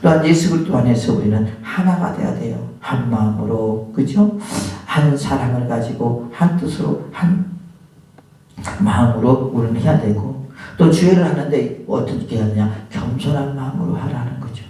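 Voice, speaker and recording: A man's voice: mid-range voice, normal speed, gravelly, dark tone. A male pastor preaching a sermon, putting rhetorical questions to the congregation and sometimes acting out the voices of people in his examples. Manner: acts out scolding voices in the examples. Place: church sanctuary. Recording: very echoey church hall, mic at a distance.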